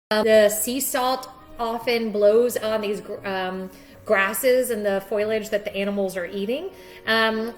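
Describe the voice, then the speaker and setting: A woman hosting a live-streamed cheese tasting lesson, chatty with many ums and ready laughter. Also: a little high. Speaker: cheese shop host. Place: shop, indoors.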